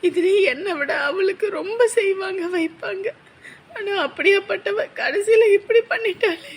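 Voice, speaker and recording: An actress playing a young wife who grieves in a quavering, tearful voice. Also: female voice, extremely high pitch, normal speed. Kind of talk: TV drama acting.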